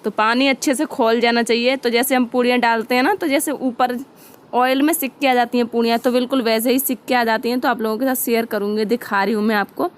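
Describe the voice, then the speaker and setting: A woman's voice: a little high, fairly even intonation, fast talker. A young adult woman chatting homely and directly to viewers as she narrates a casual home vlog. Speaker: vlogger.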